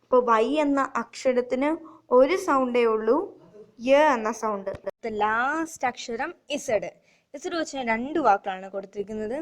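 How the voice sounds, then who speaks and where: A young woman teaching children letter sounds, slowly and repetitively, asking questions and answering them herself. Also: a little high. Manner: slow, repetitive, asks and answers her own questions. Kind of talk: phonics lesson for children.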